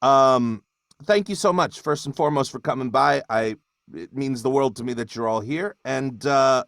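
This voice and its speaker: A man's voice: mid-range voice, moderate pace, creaky, a bit bright, no echo. A man in his thirties from Hawaii, a voice actor chatting casually on a video call, rambling with fillers and restarts. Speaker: voice actor guest. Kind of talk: casual webinar talk.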